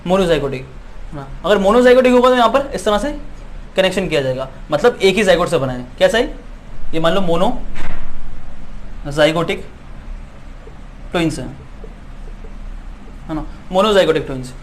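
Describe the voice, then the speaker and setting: Male biology tutor, high voice, repetitive and reassuring, faint hiss in the background. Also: animated, a little slow, pauses often. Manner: repetitive, keeps asking "है ना" to check students follow; reassuring and insistent, promises results. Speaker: biology teacher. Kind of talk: exam-prep lecture.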